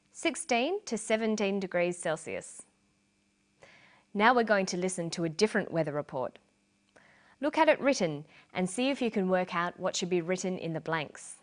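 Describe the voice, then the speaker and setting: A woman reads a scripted English lesson. She speaks slowly and clearly, stressing key syllables so learners can follow. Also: fairly low pitch. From Australia. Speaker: English teacher. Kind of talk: scripted language lesson narration.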